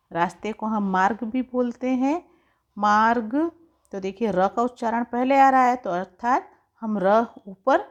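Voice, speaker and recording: A woman teacher giving a recorded lesson to young pupils, slowly spelling out and stretching sounds to show how words are said. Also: fairly high pitch. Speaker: primary school teacher. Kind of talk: slow, carefully articulated recorded lesson. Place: home, recording an online class. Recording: dull lo-fi recording.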